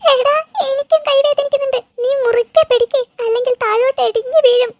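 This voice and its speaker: With a Malayali accent, this voice actor portrays nervous, easily spooked cartoon boys who babble quickly and cry out in terror. The pitch is very high, with fairly even intonation.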